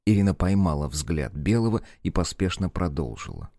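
A male narrator reading an audiobook in a steady, even way. His voice is very low, and the sound is dry and close to the mic. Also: normal speed, dry recording.

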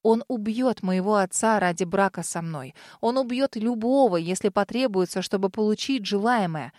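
A woman's voice: mid-range voice, moderate pace, no room sound, clean studio sound. Woman narrating a fantasy audiobook. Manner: expressive, with bursts of anger in the heroine's lines.

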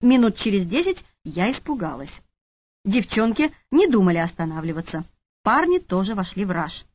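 A woman reading a first-person audiobook with a wry, expressive delivery. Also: mid-range voice, normal speed, no room sound. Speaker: audiobook narrator. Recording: lo-fi audiobook recording.

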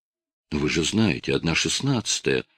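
A man's voice: a bass voice, very animated, normal speed, fairly bright tone, breathy edge, no room sound, exaggerated voice. A man voicing a whiny young addict, anxious and pleading. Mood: defiant. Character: young male drug addict under arrest, pleading.

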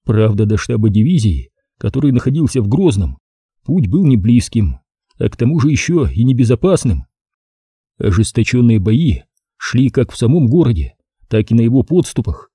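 Male audiobook narrator, measured delivery, very mellow husky tone, dry close sound. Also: medium pitch, big pitch swings, no echo. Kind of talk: first-person audiobook narration.

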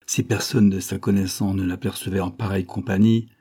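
A man reading an old serial novel aloud in a measured, steady narration. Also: low-pitched, slightly rough. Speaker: audiobook reader.

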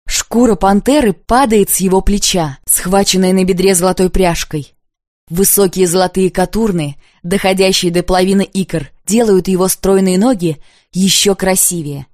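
Woman reading a novel in first person, lively, expressive, dry close sound. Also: mid-range voice, normal speed, dry recording. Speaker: audiobook narrator.

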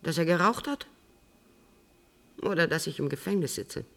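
An actress playing a composed, middle-aged woman held in custody, speaking in a measured, precise way in a radio drama. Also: low voice, animated. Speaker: prisoner on remand giving an interview.

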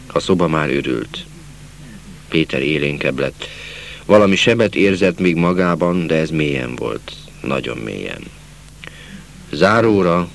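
A man reading a literary novel aloud as an audiobook narrator, slow and measured, dropping to a hush at sad passages. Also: extremely low pitch, gravelly, a little hiss or hum.

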